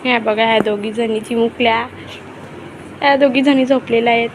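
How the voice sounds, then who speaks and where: A woman's voice: on the high side, fairly even intonation, moderate pace. A woman vlogging casually, chatting to viewers as she shows her family's morning around the house. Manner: chatty, showing things around to the camera. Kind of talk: casual vlog narration to viewers. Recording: noisy outdoor ambience.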